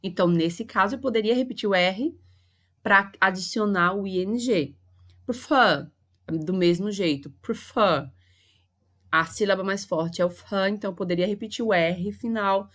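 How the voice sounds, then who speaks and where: A woman's voice: mid-range voice, normal speed, a bit bright. A woman English teacher, a Portuguese speaker, explaining a grammar lesson patiently and going over each point again. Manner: patient, repeats and spells out points.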